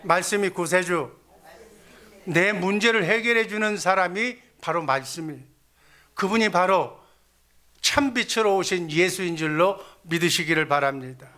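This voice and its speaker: A man's voice: sits high, a little slow, bright, forceful tone. A male pastor preaching a sermon, exhorting and blessing his congregation, asking rhetorical questions and having them repeat phrases after him. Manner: leads call-and-response repetition; rhetorical questions answered himself.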